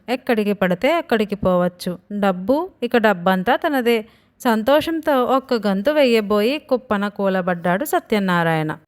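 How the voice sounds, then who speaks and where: A woman storyteller reading a children's moral story in a steady, expressive way. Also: medium pitch. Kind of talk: scripted children's story narration.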